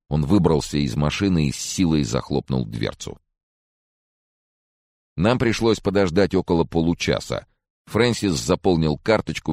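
Very deep, gravelly male narrator. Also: a little mellow, dry recording, clean studio sound. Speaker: audiobook narrator. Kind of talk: first-person audiobook narration.

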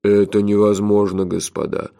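Brief: male reader as a low, creaky, ceremonious tavern keeper. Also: little pitch movement, moderate pace, warm tone. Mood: formal. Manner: formal, ceremonious, unsmiling. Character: pompous, gloomy innkeeper-chef man. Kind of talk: audiobook character voice.

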